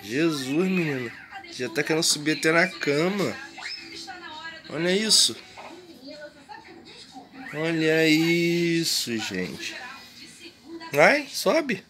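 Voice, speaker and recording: Um homem com sotaque brasileiro, filmando o bebê com o celular num quarto pequeno e falando com ele em tom carinhoso e arrastado. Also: male voice, a little high, big pitch swings, pushed and bright, soft background music. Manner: doting baby talk, drawn-out words, playful questions. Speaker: parent filming his baby. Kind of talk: casual home video. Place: small bedroom indoors. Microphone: handheld phone camera, speaker behind it.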